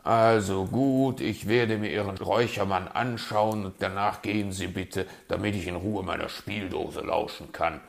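A man voicing a grumpy, know-it-all male fox in a children's audio story, gruff and sardonic. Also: lowish voice, animated, measured pace, a bit bright, exaggerated voice.

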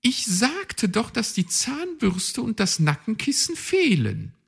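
In a storybook read-aloud, a man voices a proud, bossy female magpie detective who is haughty and shrill, a know-it-all who brushes off objections. His full character voice swoops wildly in pitch at a slow pace, sounding creaky, a bit bright, and husky.

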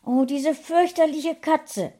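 A woman's voice: high-pitched, takes it slowly, warm tone, pitched above the performer's own voice. A woman voicing an upset middle-aged housewife who keeps scolding her cat, in a storybook reading. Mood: shrill scolding. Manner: scolding, exclaiming.

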